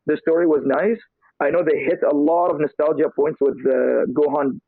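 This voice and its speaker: A young man co-hosts a casual podcast chat, his pitch a touch raised. He rambles easily with lots of fillers. His voice comes through thin and phone-like, dry, with no room sound. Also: steady tone, normal speed, gravelly, no room sound.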